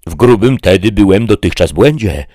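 A man's voice: lowish voice, animated, moderate pace, dark tone, no echo, studio quality, pitched above the performer's own voice. A man voicing a pompous, deluded old knight who speaks in a grandiloquent, declamatory way. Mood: solemn lofty.

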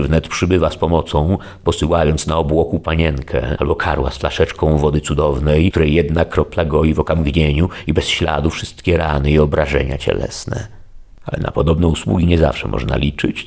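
A man reads a classic novel aloud in a measured, solemn way. His voice is extremely deep, with a gravelly, fry-laden texture. The narration is steady and scripted. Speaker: audiobook narrator.

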